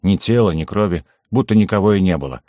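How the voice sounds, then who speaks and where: A man voicing a terse, sour male soldier who reports flatly, in a dry, close recording. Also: low-pitched, fast talker, dry recording.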